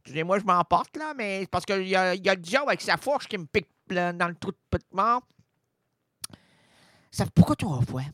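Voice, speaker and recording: A man with a Quebec French accent delivering a rambling, absurd comic monologue on radio, swinging between loud outbursts and mutters. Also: high voice, quick pace, few pauses, no room sound. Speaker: radio comedian. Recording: dry radio studio.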